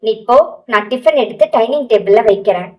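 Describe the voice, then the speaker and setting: A woman voicing a young male hero in a romance story, tender but gruff, scolding with endearments. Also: a little high, lively intonation, fairly quick, far from the mic, natural voice, poor audio. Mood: soothing.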